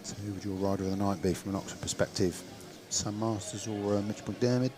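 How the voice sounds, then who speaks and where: A man's voice: lowish voice, steady tone, brisk. A man with an English West Country accent giving chatty, informal live speedway commentary, thinking aloud as he goes. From West Country, England. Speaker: speedway commentator and stream host. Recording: crowd noise at outdoor venue. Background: speedway stadium crowd.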